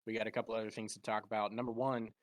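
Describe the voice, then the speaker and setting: A man's voice: lowish voice, little pitch movement, racing, no room sound. A man from Nevada hosting a podcast, reading out results in casual chat with a playful streak. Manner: reads out results, playful about stirring drama. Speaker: podcast host.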